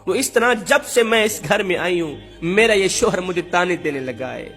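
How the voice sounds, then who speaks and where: A man's voice: sits high, animated, a bit bright, soft background music. A man voicing a grieving, mistreated young wife who pleads tearfully and repeats herself. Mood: pleading.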